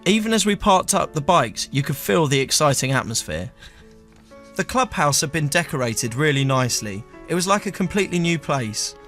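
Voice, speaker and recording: Man, storyteller, deadpan, slightly high voice, faint music behind. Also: normal speed. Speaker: storyteller host. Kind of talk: comic storytelling with banter.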